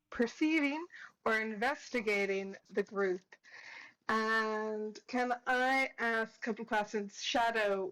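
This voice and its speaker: A woman's voice: fairly high pitch, fairly bright tone, poor audio. A woman playing a tabletop game over voice chat, chattily describing what her character does. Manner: chatty, descriptive, fillers and restarts. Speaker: player. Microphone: headset or desk mic over voice chat.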